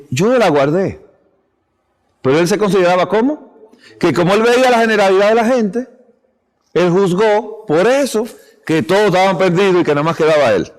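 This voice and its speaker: A man's voice: high voice, expressive, moderate pace, long pauses. A man preaching at a church health seminar, telling stories with acted quotes and chuckling often. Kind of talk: sermon-style seminar talk. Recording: long hall reverb.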